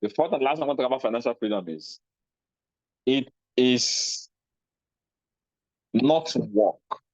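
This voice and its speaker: A man with a Nigerian accent giving a motivational talk, animated, acting out little scenes in a raised voice. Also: mid-range voice, a little slow, dry recording, dull audio. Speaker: speaker on personal finance.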